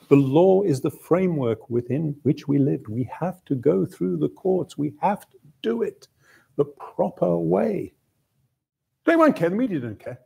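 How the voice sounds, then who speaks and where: An actor in his sixties playing an anguished, earnest father in a searching, halting theatrical soliloquy with emphatic, broken phrases. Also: fairly high pitch, vocal fry, dark tone, slightly rough, exaggerated voice. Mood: earnest, frustrated. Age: 60s. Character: anguished older male father, earnest defender of the law. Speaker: actor performing a dramatic monologue. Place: indoor room, stage rehearsal.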